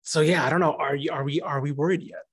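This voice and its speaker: A man's voice: fairly high pitch, fairly even intonation, fast talker, fairly bright tone, slightly rough. Dude on a sports podcast, kinda hesitant, lots of ums while he figures stuff out. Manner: hesitant, thinking aloud, many ums. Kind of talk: casual sports chat.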